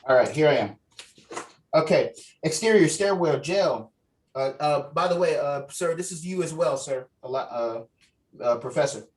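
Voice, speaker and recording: Over a video call, a man casually runs a script table read, giving directions and reading the stage directions aloud. His voice is fairly high and animated at normal speed, picked up by a distant mic.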